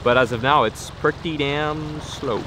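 A man's voice: fairly high pitch, unhurried, noisy background. Upbeat young man vlogging from a boat. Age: young adult. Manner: upbeat, self-mocking, thinks aloud. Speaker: fishing vlogger. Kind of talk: casual vlog to camera. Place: small boat on a lake outdoors. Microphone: action camera on the boat.

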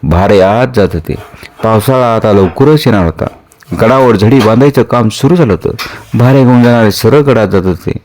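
A man's voice: on the low side, normal speed, a little mellow. A man reading a historical novel aloud as a storyteller, narrating dramatically and voicing the dialogue.

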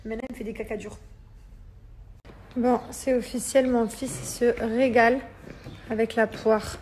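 A woman talks straight into her phone, a young mother rambling through casual chat with plenty of filler words. Her voice sits a little high. A faint hiss runs behind her. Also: flat delivery, moderate pace, a little mellow. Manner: chatty, rambling, lots of fillers.

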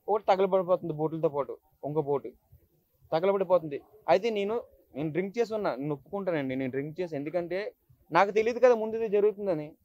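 A man's voice: high voice, darkish tone, dry recording. A young man speaking at a press meet, recounting events in an agitated, emotional way and repeating himself often. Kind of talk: emotional first-person account to the press. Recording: dull lo-fi dry recording.

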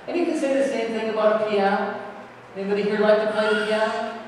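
High-voiced man preaching in echoey church. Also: fairly even intonation, fast talker, noisy background. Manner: gentle questions to seated children. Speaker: pastor. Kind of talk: children's sermon. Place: large church sanctuary, indoors. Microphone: distant camera. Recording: echoey church hall from far off.

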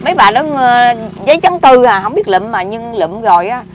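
A middle-aged woman with a Southern Vietnamese accent, rambling excitably and scolding in a street conversation. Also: fairly high pitch, moderate pace. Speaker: interviewee. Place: outdoors by a street. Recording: loud street traffic behind.

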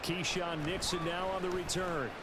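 A man's voice: high voice, fairly even intonation, normal speed, lightly acted. A man playing a football play-by-play announcer in a video game, making clipped calls as each play unfolds. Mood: brisk, focused. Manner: clipped, present-tense calls. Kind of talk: video game sports commentary. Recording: loud stadium crowd noise behind. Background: game stadium ambience and crowd.

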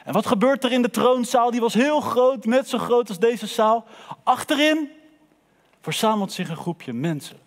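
Man, children's church storyteller, high voice, long hall reverb. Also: normal speed. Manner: lively, addresses the children directly.

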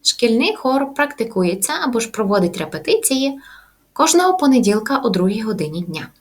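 A woman teaching English pronunciation in a language lesson, saying example words slowly and carefully. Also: on the high side, sing-song.

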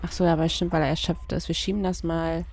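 A woman's voice: on the low side, level tone, fast talker, a little mellow, faint music behind. A young woman playing a horror game and commenting, often scared and pleading with the game. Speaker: let's play gamer.

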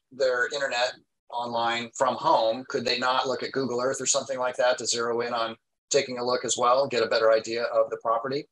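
A man's voice: mid-range voice, a bit bright, slight background noise, rough recording. A middle-aged man on a headset asking agreeable follow-up questions in a video call interview.

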